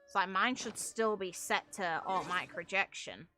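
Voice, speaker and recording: A young adult woman game streamer chats casually with her viewers, rambling informally with some mild swearing. Her mid-range voice moves at a normal speed and sounds pushed and bright, with a little hiss or hum in the recording.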